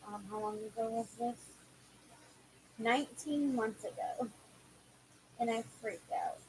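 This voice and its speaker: A woman's voice: fairly high pitch, slow pace. A woman chatting casually as a livestream host, blunt and irritated, swearing freely. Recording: noisy amateur livestream recording.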